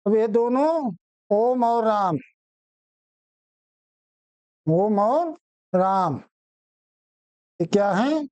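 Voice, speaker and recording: A man teaching an exam-prep grammar lesson, calling his students children and repeating each phrase slowly so they can write it down. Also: high voice, big pitch swings, a little mellow, dry recording.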